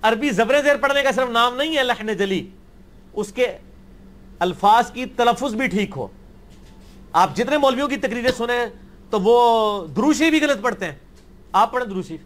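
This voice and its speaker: A man's voice: extremely high pitch, animated, pauses often, a bit bright. A man answering religious questions in a blunt, argumentative and dismissive way.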